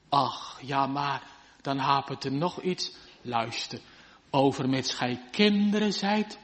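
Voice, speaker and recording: A man delivers a fervent sermon in old-style biblical phrasing, pleading with his congregation. He speaks slowly in a mid-pitched voice. His words ring out with the long reverb of a church. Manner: slow, fervent old-style preaching with archaic scripture. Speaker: pastor.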